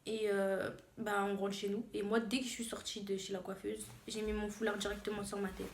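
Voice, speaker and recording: A young woman telling a story on her vlog in a lively way, often repeating phrases for emphasis. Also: mid-range voice, fairly quick. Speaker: vlogger. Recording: roomy echo.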